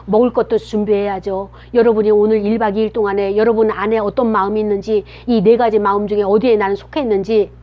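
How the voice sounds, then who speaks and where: A woman's voice: medium pitch, little pitch movement, fast, few pauses. A woman giving a children's sermon, telling a story and asking the children questions as she goes. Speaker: children's pastor. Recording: dull lo-fi recording.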